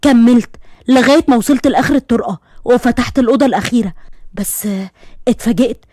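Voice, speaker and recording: A woman with an Egyptian accent narrates a first-person horror tale in a quick, suspenseful run of speech. Her voice sits a little high, recorded close and dry with no room sound. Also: darkish tone, dry recording. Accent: Egyptian Arabic. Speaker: storyteller.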